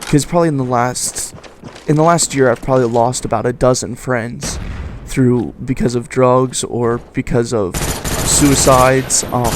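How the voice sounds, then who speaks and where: A man in his twenties giving casual video game commentary, halting, stuttering and mumbling. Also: medium pitch, steady tone, a little hiss or hum. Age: 20s. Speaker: gaming YouTuber doing commentary. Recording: voice over loud game gunfire.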